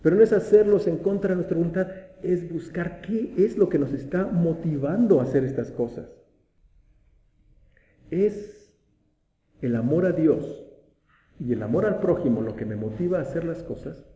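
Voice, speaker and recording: Mellow-voiced preacher in an echoey room. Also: male voice, fairly high pitch, normal speed, long pauses. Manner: asks rhetorical questions, restarts words often. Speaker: pastor. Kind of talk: sermon.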